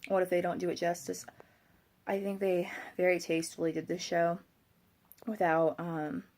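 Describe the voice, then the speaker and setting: A woman's voice: on the low side, flat delivery, moderate pace, darkish tone. A young woman chatting casually as a vlogger, tired and rambling with hesitations, her speech slightly thick from a swollen tongue. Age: young adult. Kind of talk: casual chat to camera.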